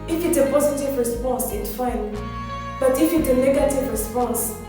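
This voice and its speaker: A woman's voice: high voice, normal speed. A woman giving a motivational speech in an earnest, exhorting way, repeating phrases for emphasis. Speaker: motivational speaker. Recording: very echoey, distant mic, music behind.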